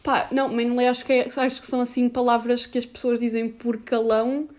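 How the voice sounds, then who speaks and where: A woman's voice: a little high, level tone, fairly quick, darkish tone, a little hiss or hum. A young adult woman with a European Portuguese accent in casual, slangy chat, mixing in English words.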